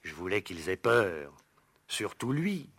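A man's voice: low voice, big pitch swings, slow, fairly bright tone, breathy edge, heavily acted. An actor playing a gossipy male household servant in an old radio play, hesitant and full of fillers before tattling eagerly.

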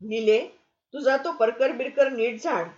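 A woman voicing a kind, generous traveling gentleman who speaks gently and affectionately. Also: on the high side, a little slow, lo-fi sound, lightly acted.

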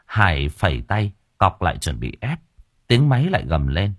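A man narrating a horror story audiobook in an expressive, dramatic way. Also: low voice, normal speed, dry recording, studio quality.

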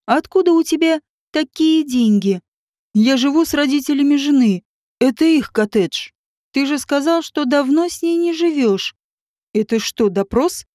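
A woman reading a storybook, voicing a composed woman who questions a man quietly and tensely. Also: high-pitched, lively intonation, normal speed, no room sound, studio quality, voice pushed up. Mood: tense probing.

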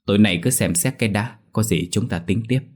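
A man voicing a gruff old grandfather who digs up graves, bossy and cursing, in a spoken ghost story. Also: on the low side, a little fast, a little mellow, natural voice. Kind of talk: audiobook character voice.

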